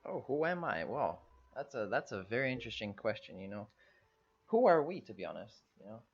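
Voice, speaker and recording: A man's voice: mid-range voice, very animated, a little fast, breathy edge. A young man from Bulgaria, co-hosting a casual podcast chat in a hesitant, rambling way full of fillers. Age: young adult. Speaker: podcast co-host. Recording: dull lo-fi sound.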